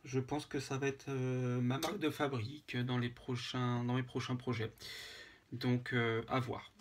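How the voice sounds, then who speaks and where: A man casually showing a handmade photo album, talking to viewers with many pauses and fillers. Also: mid-range voice, flat delivery, slight background noise. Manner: hesitant, many fillers, chatty asides to viewers. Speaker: scrapbooking vlogger. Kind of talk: casual show-and-tell.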